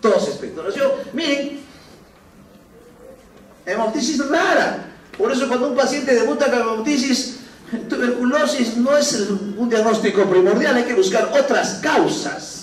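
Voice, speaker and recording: Man, medical lecturer, animated and joking, high voice, far from mic, roomy hall. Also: measured pace, a little hiss or hum. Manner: animated, acts out patients' complaints with laughs. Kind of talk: classroom lecture. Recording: roomy distant classroom recording.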